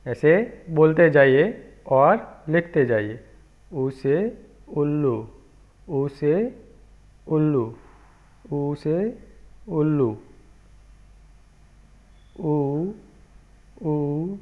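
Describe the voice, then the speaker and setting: Slow patient man teaching children. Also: on the high side. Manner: slow, patient, repeating sounds for young pupils. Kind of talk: children's Hindi alphabet lesson. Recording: tinny phone-like recording.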